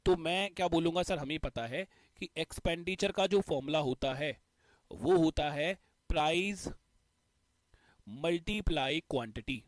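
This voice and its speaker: Man teaching math step by step, higher-pitched. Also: a little slow, dry recording. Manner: explains step by step, repeats key points. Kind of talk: exam-prep math lesson.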